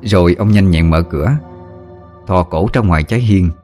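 A man narrating a scripted horror story with dramatic, expressive storytelling. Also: low voice, moderate pace. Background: faint music.

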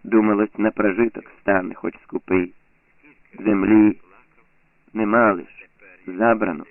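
A man doing a poor village farmer, weary and stubborn, who speaks in a plain, insistent way. The voice is low with a gravelly grain, and the recording is tinny and narrow like a phone. It plays as an audiobook scene. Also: steady tone, measured pace, no room sound.

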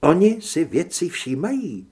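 A man reading an audiobook, voicing a sharp, practical young woman who edits a newspaper. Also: fairly high pitch, big pitch swings, slightly rough. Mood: gentle.

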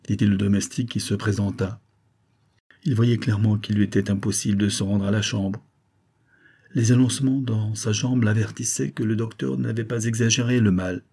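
Husky dark-voiced male narrator. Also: fairly low pitch. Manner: steady, measured reading. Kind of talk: audiobook narration.

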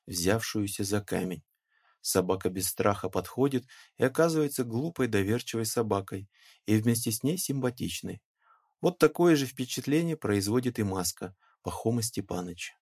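A man narrating an old prose story with an expressive literary reading. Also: fairly low pitch, dry recording, clean studio sound. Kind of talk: audiobook narration.

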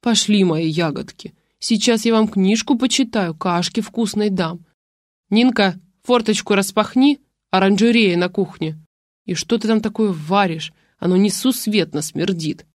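Woman doing a booming, scolding old grandmother. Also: measured pace, dry recording, studio quality, close to an everyday voice. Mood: gruff. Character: coarse scolding old grandmother, bass-voiced.

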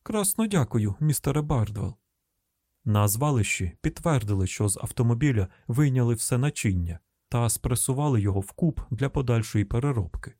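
Man reading an audiobook, mellow voice. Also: mid-range voice, animated, a little fast, hardly any pauses, no room sound, clean studio sound. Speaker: audiobook narrator. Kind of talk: scripted narration.

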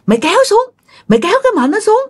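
A woman voicing a furious female ghost haunting a mannequin, scolding and shouting threats. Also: very high-pitched, big pitch swings, racing, voice pushed up. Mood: shrieking.

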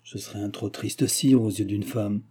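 A man reading the part of a timid, gentle brother in his fifties who frets and pleads. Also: fairly low pitch, steady tone, moderate pace, husky. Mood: fretful. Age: 50s. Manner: fretful, pleading.

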